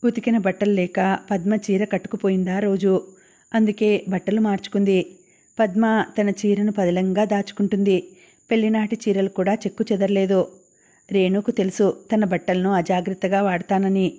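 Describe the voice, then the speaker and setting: Woman reading a novel in a flat voice. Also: medium pitch, moderate pace, dull audio. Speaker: audiobook narrator. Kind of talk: scripted novel narration.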